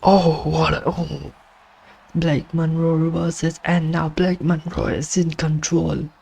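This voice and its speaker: Man, gaming commentator, wrestling play-by-play, hoarse, gravelly, slow delivery. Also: a little high. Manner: excitable, exclaiming at surprises. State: voice strained and going hoarse. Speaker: gaming channel host doing commentary.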